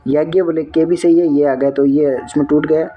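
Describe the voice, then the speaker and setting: A man's voice: a little high, steady tone, fairly quick, breathy edge, narrow, tinny audio. A man working through an exam answer key step by step, often checking in with his viewers. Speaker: exam tutor.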